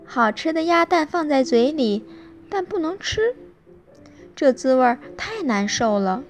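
A woman gently narrating a bedtime story to children in an expressive storytelling voice. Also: a little high.

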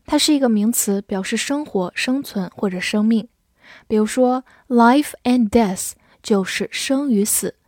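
A woman teaching English vocabulary to Chinese learners, spelling each word letter by letter and reading the example sentences slowly. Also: medium pitch, darkish tone, dry recording, studio quality. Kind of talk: scripted vocabulary lesson.

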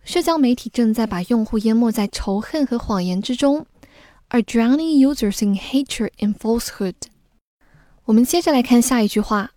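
A woman gives a careful, scripted vocabulary lesson, going over each word clearly. Her voice sits a little high, with a mellow, warm tone. It is recorded close up in a dry, dead room. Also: animated, no echo. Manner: explains words slowly and clearly, mixing in English. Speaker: English teacher.

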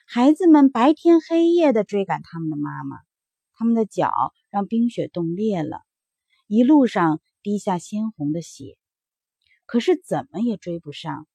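A woman narrates a children's bedtime story in a gentle, expressive way, her pitch rising and falling freely. Her voice is slightly husky, and it is recorded close and dry. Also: normal speed, no room sound.

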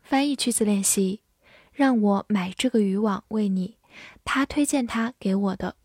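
A woman teaching English vocabulary in a scripted lesson, reading each example sentence slowly and carefully. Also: medium pitch, darkish tone, slightly rough, no echo, studio quality.

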